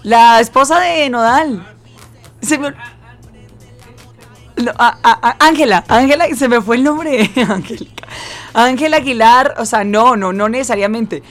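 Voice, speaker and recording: A woman's voice: on the high side, unhurried, long pauses, faint music behind. A woman radio host chatting intensely and nonstop with her listeners and callers. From not from Mexico. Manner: talkative, intense, excitable. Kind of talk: lively radio chat with callers. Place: radio studio.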